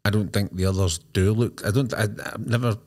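A man's voice: lowish voice, steady tone, a little fast, darkish tone. A man talking casually as co-host of a show. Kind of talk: casual conversational chat.

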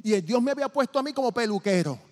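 A man giving a testimony from the pulpit, telling his story in an animated way and acting out the dialogue. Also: very high-pitched, racing. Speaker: church testimony speaker. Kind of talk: testimony preaching. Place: church sanctuary. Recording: long church reverb.

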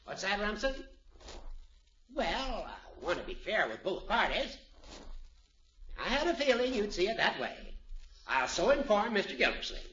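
An actor playing a wily, teasing old judge in 1950s radio comedy, smooth-talking and mock-solemn. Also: male voice, high-pitched, very animated, normal speed, pauses often, fairly bright tone. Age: older. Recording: dull, noisy 1950s radio recording.

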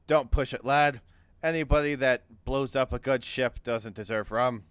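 Blustering pirate captain for a tabletop game, voiced by a man: hearty, commanding, exclamatory, clear tone. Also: mid-range voice, unhurried, fairly bright tone, no echo, natural voice. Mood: gruffly teasing. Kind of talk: tabletop role-play.

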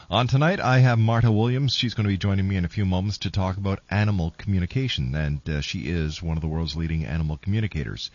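Male talk radio host, low register, dry studio sound, dull lo-fi broadcast. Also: a little mellow, no room sound. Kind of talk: live show introduction with contact details and guest rundown.

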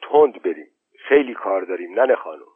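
A man's voice: low voice, animated, slightly rough, dry recording. A man reading aloud voices a wary old village woman with short, curt replies. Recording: thin phone-like sound.

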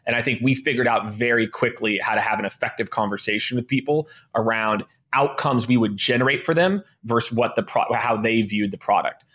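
This interview guest, a man in his late thirties who leads sales, talks fairly quickly with few pauses in a mid-range, husky voice that is fairly bright. His manner is upbeat and relaxed, full of "you know" and frequent restarts.

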